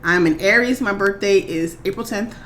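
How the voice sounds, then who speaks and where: A woman in her thirties from Maryland, USA, speaks in a mid-range voice at a moderate pace. She's a mukbang vlogger at home, rambling through viewer questions in a relaxed, chatty way full of fillers. The room is echoey, with faint background noise.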